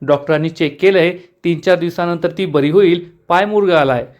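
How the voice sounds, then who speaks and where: A man's voice: on the high side, a little fast, dull audio, natural voice. A man voicing a cheerful young male friend in a serial recap, speaking in a friendly, reassuring way.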